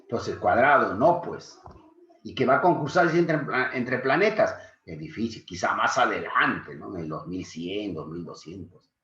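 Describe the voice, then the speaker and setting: A man gives an online literature lesson. His low voice swings widely in pitch as he quizzes his students and adds fond teacherly asides. The sound is dull and lo-fi, with an echoey room around him over a video call. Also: unhurried. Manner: animated, questions students often, affectionate teacherly asides. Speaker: secondary school literature teacher. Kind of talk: online class lecture.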